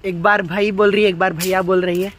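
Walking through a city park with his phone in hand, a teenage or young man chats casually to his viewers, calling out "guys" over and over and dropping English words into Hindi. His voice sits high and fairly bright, delivered flat and brisk, with slight background noise in this casual vlog walk-through.

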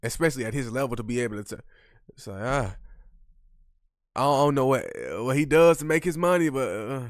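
A man's voice: medium pitch, a little fast, dry recording, studio quality. A man hosting a reaction show, commenting casually in slang and addressing his viewers. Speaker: host.

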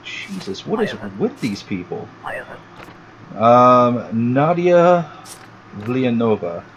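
A man casually commenting as he plays a game for the first time, chatty and sarcastic, reading on-screen text aloud on a low-quality home mic. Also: big pitch swings, very slow, noisy background. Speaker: gaming YouTuber. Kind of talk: casual let's-play commentary. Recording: loud game music behind.

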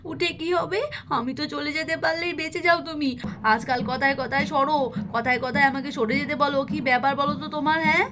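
A woman's voice: high-pitched, steady tone, brisk, pitched above the performer's own voice, natural voice. A woman doing an exasperated, harried mother. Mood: aggrieved. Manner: complaining, exasperated. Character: harried young mother, irritable and tearful. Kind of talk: doll-story voice acting.

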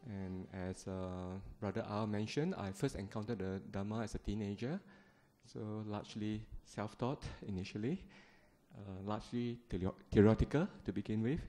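A man in his thirties from Malaysia, giving a gentle, conversational Buddhist talk to a seated group, speaking into a handheld microphone in a temple hall. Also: lowish voice. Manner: gentle, conversational, with frequent fillers and small laughs. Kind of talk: Dharma talk to a seated audience. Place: temple hall, indoors, seated on the floor before a shrine.

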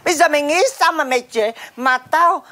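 A woman on stage playing a loud visitor who swings between fierce cursing and sentimental drama. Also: high-pitched, a little fast. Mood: furious. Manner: dramatic, exaggerated. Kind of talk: stage comedy acting.

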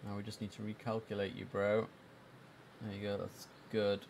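A young headset-wearing man plays an air traffic control game on stream, his voice on the low side and creaky at a moderate pace. He keeps the chat casual and reads the radio calls relaxedly, repeating words for emphasis.

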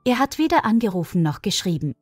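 A quiet, resolute young village woman who is expecting a baby , as a female storyteller voices her. She speaks softly and earnestly, with a lively, rising and falling voice. The sound is close and dry. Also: medium pitch, quick pace, no room sound, soft background music. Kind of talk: storybook reading.

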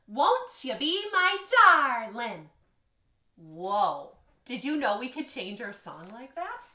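A woman's voice: sits high, sharp tone. Sing-song woman teaching children music. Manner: playful, sing-song, exaggerated. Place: living room at home. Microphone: camera across the room. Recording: echoey living room.

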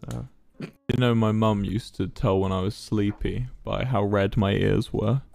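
A man's voice: on the low side, fairly even intonation, measured pace, creaky, darkish tone. A young man hosting a casual podcast call, teasing his guests in an easygoing way. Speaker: podcast host. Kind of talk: casual chat.

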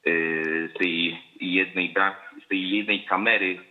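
A male caller with a Polish accent rings in over a tinny phone line. His voice sits low. He talks hesitantly and fills gaps with drawn-out sounds. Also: fairly even intonation. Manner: hesitant, full of filler sounds.

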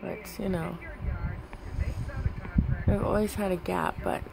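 A woman's voice: lowish voice, steady tone, takes it slowly, creaky, noisy background. A woman in her thirties, talking casually in a personal vlog with a finger in her mouth, hesitant and repeating words. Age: 30s. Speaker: vlogger.

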